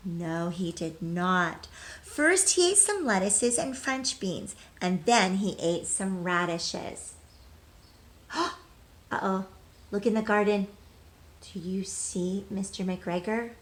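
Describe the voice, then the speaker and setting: A woman teacher reads a storybook aloud to children in a mid-range voice with lively intonation, taking it slowly. She addresses the young listeners directly, asking them questions and reading expressively with emphasis on key words.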